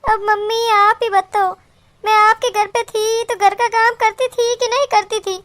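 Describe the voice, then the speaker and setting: A woman's voice: very high-pitched, little pitch movement, unhurried, fairly bright tone, no echo. A woman voicing an unhappy young married woman in a cartoon, complaining emphatically about her in-laws. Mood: aggrieved. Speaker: daughter. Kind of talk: cartoon voice acting.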